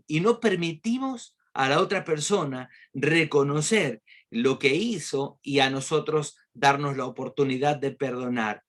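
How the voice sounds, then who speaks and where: A man preaching a devotional sermon in a reflective, halting way, with many hesitations. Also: medium pitch, fairly bright tone.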